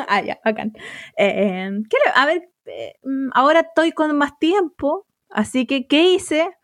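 A young woman with a Chilean accent, co-hosting a casual chat and telling animated stories with slangy asides. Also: high-pitched, dry recording, studio quality. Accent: Chilean Spanish. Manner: animated storyteller, quick slangy asides and laughter. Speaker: podcast co-host. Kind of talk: casual chat among friends.

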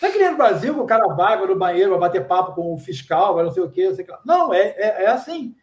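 A man with a Brazilian Portuguese accent and a fairly high voice chats casually in an interview. He talks in slang and drifts into anecdotes with quick asides. The room around him is echoey. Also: big pitch swings, darkish tone. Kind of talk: casual chat.

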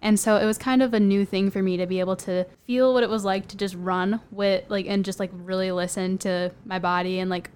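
Smooth-voiced young woman, chatty. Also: medium pitch, fairly even intonation, brisk, few pauses, a little mellow. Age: young adult. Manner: chatty, many "like" fillers, light laughs. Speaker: podcast guest. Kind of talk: casual chat.

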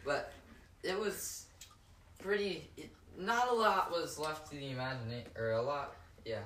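A young man with a bright, forceful voice trades stories with friends and breaks into loud impressions. He sits a little back from the mic in an echoey room, with a faint hiss underneath. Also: on the high side, unhurried, far from the mic. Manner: jokey, rambling storyteller with loud put-on voices. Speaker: podcast co-host. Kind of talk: casual chat among friends.

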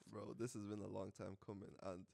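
A man's voice: fairly low pitch, flat delivery, fairly quick, vocal fry, warm tone. A young man co-hosting a podcast in casual chat, slangy and swearing as he tells stories. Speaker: podcast co-host.

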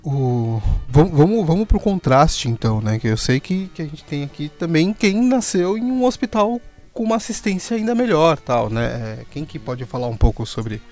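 A man moderates a relaxed panel in a slightly raised voice. He steers the conversation and invites the next speaker to take over. Faint music runs underneath. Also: fairly high pitch, normal speed. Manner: guides the conversation, hands over turns. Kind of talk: casual discussion.

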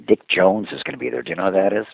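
A man's voice: deep voice, very fast, vocal fry, husky, no echo. A man who works as a voice actor, chatting as a guest in an interview and telling stories with eager enthusiasm. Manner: animated, enthusiastic storyteller. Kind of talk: casual interview chat. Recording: tinny phone-like line.

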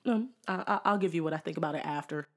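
A woman's voice: deep voice, fast. A young woman hosting a casual solo podcast, chatty and giggly, sometimes dropping into a whisper. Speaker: podcast host.

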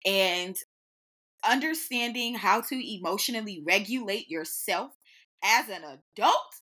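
A woman's voice: medium pitch, lively intonation, measured pace, sharp tone. A woman hosting a podcast, talking reflectively and affirming her guest, speeding up as she makes her points. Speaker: podcast host.

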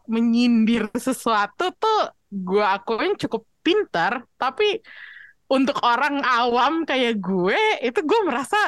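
Woman, podcast host, expressive, lively pitch, dry sound. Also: slow pace, no room sound. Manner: expressive, chatty, mixes in English phrases. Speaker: podcast host asking questions. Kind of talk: casual film discussion.

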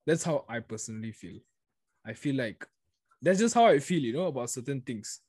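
A man's voice: medium pitch, animated, a little fast, a little mellow, husky, no room sound. A young man hosting a casual podcast, rambling and repeating words in an upbeat way. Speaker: podcast host.

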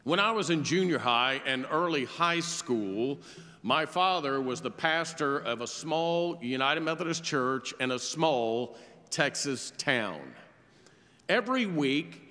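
Guy preaching a sermon, bright clear voice, long echo off the church walls. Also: on the high side. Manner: storytelling preacher, measured and earnest. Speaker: pastor. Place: church sanctuary.

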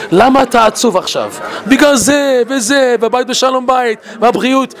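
A man giving an animated Torah talk. He laughs often and asks many rhetorical questions. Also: sits high, vocal fry. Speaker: Torah teacher.

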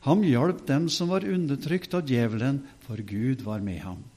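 A man's voice: medium pitch, warm tone, close to an everyday voice. A man voicing the apostle Peter, giving an earnest, testifying speech. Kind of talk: reading a scripture speech.

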